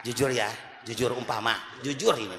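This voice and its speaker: A male Islamic preacher giving a lively, joking sermon. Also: mid-range voice, normal speed, a crowd in the background. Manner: lively, joking, many voices. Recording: echoey reverberant hall.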